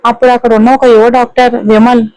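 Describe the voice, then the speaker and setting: A woman narrating a story in a steady, even reading manner. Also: fairly high pitch, fast talker, smooth, no echo, low-quality recording. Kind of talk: scripted narration.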